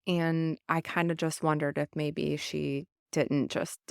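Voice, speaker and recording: Young Southern woman, book podcast host; earnest, reflective, clear voice. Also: low voice, little pitch movement, takes it slowly, darkish tone, dry recording, clean studio sound. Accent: Southern American. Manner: earnest, reflective, many fillers. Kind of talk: casual book discussion.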